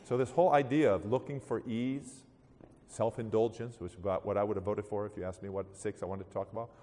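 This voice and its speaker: A man's voice: on the low side, steady tone, fast, dark tone, in a large hall. A man giving a sermon in a loose, conversational storytelling manner, acting out the voices of people in his stories.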